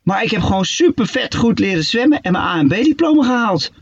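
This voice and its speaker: A man's voice: high-pitched, sing-song, brisk, breathy edge, no echo, pitched above the performer's own voice, heavily acted. A man voicing a cheerful, fibbing male seahorse in a storybook reading, chirpy and coaxing. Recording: dull lo-fi recording.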